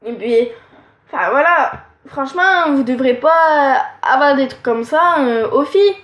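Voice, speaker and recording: This teen girl's voice sits high and sounds fairly bright, animated but a little slow, with allergies making it nasal and stuffed-up. She rambles through frank relationship advice full of fillers. The room has a noticeable echo.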